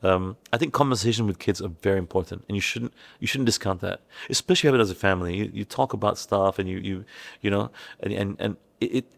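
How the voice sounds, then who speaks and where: A middle-aged man telling personal stories as a podcast guest, halting and restarting his sentences, and acting out family members' voices when he quotes them. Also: lowish voice, creaky. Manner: halting, with many restarts and repeated words. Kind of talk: candid personal storytelling.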